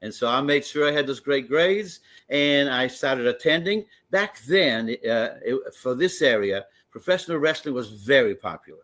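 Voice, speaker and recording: A man's voice: medium pitch, expressive, normal speed, few pauses, fairly bright tone. An older man from Greece, a wrestling commissioner, talking eagerly as a guest on a sports talk show and telling stories with many restarts. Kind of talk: casual radio interview.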